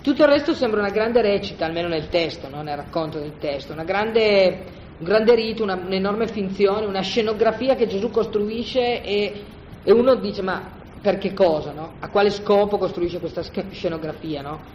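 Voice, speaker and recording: A teacher talks a group through a scripture passage in a loose, colloquial way. The voice sits at a mid pitch, often stops to check in with "no?", and restarts its sentences. It was recorded in a roomy space on dull, lo-fi gear with faint background ambience. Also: normal speed, slight background noise. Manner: conversational, keeps asking "no?" to check in with listeners; colloquial, animated explaining with restarts. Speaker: Bible study teacher. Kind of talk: informal lecture on scripture. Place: room with a group of listeners.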